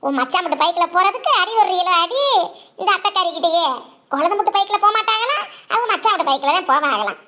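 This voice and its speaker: A woman's voice: extremely high pitch, expressive, fast talker, bright, forceful tone, full character voice. A woman voicing a fussy, nosy middle-aged village aunt in a cartoon, with a Tirunelveli Tamil accent and a scolding, questioning manner. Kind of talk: cartoon voice acting.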